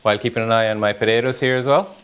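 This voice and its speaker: A chef in his thirties talks rapid-fire through a recipe as he cooks in a home-style indoor kitchen, giving relaxed step-by-step instructions in a medium-pitched voice. Sizzling pans make the cooking demonstration noisy.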